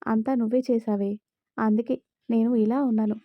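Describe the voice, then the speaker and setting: A woman's voice: a little high, flat delivery, moderate pace, no echo, narrow, tinny audio. Woman voicing a bitter, sarcastic young husband. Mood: intense. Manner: sharp, sarcastic. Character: angry hurt young husband, brooding.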